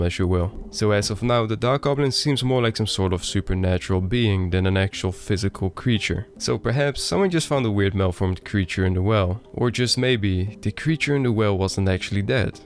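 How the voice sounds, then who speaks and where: A man giving scripted, measured narration of game lore with dry asides. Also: on the low side.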